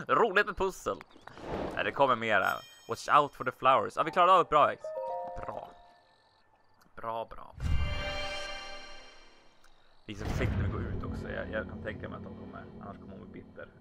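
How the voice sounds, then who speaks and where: Low gravelly guy chatting through his game, gets excited, game music playing underneath. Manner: chatty, excitable, talks to himself while playing. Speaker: let's play host. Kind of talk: casual gameplay commentary. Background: video game music.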